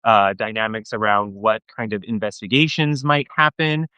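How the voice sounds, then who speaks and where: Man, interview guest, impassioned, crisp, forceful tone. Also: on the low side, normal speed, no echo, low-quality recording. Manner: impassioned, many restarts. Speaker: guest, advocacy group staff. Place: remote call from Washington, DC.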